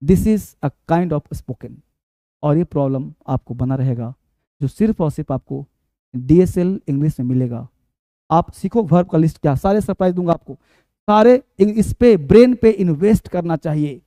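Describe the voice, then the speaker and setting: A male teacher with a high voice runs an energetic spoken-English lesson, coaxing his students and repeating words to drill pronunciation. He sounds close and dry, with no room around him. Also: moderate pace, no echo.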